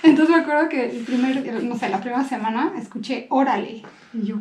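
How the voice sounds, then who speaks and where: Lively woman. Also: fairly high pitch, brisk, reverberant, slight background noise. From Belgium. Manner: lively, storytelling. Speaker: guest. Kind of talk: casual chat.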